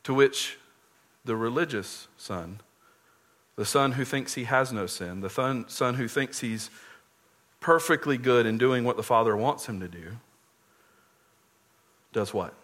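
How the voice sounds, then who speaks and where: Male preacher with an earnest sermon delivery and an average pitch. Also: unhurried, pauses often, a bit bright. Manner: earnest, repeats words while explaining.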